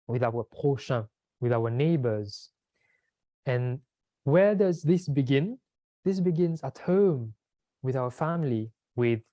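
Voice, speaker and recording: A young man in his twenties from Mauritius, a native Creole speaker with a Mauritian accent, gives an informal, earnest public talk in halting, emphatic phrases. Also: medium pitch, warm tone, no echo. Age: 20s. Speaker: language advocate and conference speaker.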